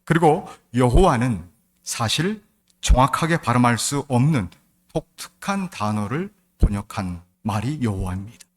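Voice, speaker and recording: A man's voice: medium pitch, expressive, moderate pace, long reverb tail. A man, a pastor, preaching a sermon and speaking earnestly and directly to his congregation. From Gyeongsang region, Korea. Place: large church sanctuary.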